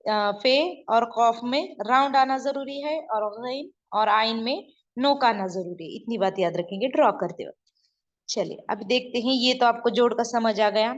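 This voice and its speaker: A woman's voice: fairly high pitch, normal speed. A woman teaching letter writing online, explaining patiently as she draws and often checking that her students follow. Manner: patient, repeats and checks understanding. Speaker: online Urdu script teacher. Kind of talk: explaining while drawing letters on a board. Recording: dull lo-fi sound.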